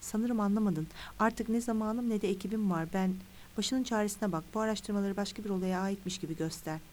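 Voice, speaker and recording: A woman's voice: mid-range voice, a little fast, darkish tone, slight background noise, close to an everyday voice. A woman reading the lines of a brusque male police officer in an audiobook, terse and guarded. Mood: curt.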